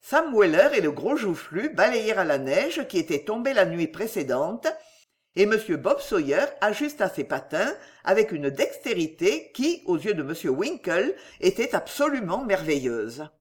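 A woman reading a classic novel aloud as a narrator, in an expressive, measured way. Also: medium pitch. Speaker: audiobook narrator. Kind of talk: scripted narration.

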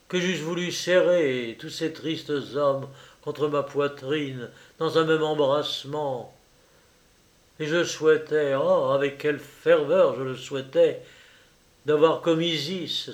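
A man reading a literary story aloud in a slow, measured way. His voice sits somewhat high for a man, and he gives each phrase plenty of room. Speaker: narrator.

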